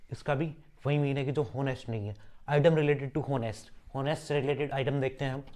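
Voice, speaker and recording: A man's voice: mid-range voice, darkish tone. A man teaching English vocabulary for an exam, spelling each word letter by letter and explaining roots and meanings, often repeating words and asking himself rhetorical questions. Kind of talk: exam-prep vocabulary lesson.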